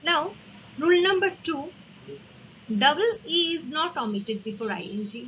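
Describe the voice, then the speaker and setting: A woman's voice: sits high, sing-song, drawn-out words, fairly bright tone. A woman teaching English grammar, patiently explaining spelling rules and spelling words out letter by letter, with a slightly dull, faintly hissy recording. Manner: patient, repeats and spells out each example.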